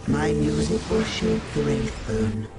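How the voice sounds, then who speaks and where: A man's voice: on the high side, very animated, measured pace. A man voicing a serene, ceremonious alien builder in a video game, with formal, stately phrasing. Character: serene, ceremonious male eldar builder who shapes with song. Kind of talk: video game unit voice acting. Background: loud game music.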